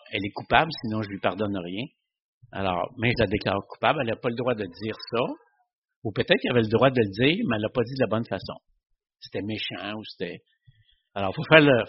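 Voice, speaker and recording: Husky man, lo-fi sound. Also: lowish voice. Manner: conversational, frequent tag questions. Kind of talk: casual teaching on faith.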